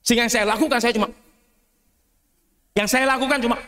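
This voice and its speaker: High-voiced priest telling stories in a sermon. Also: male voice, quick pace. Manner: lively storytelling with humorous asides, often calling out to the congregation. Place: cathedral church.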